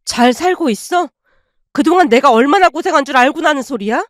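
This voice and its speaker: A woman's voice: high-pitched, animated, brisk, no room sound, studio quality. Woman doing a bitter, curt angry mother. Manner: sharp, curt retorts. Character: bitter, angry middle-aged mother, cold.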